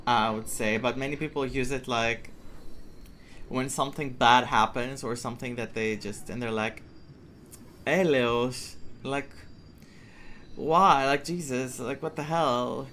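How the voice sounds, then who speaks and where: Game music plays behind a male streamer, a native Greek speaker whose mid-range, fairly bright voice stays steady and a little slow. He reacts aloud and explains words as he reads them during a casual playthrough, with a bit of hiss or hum on the audio.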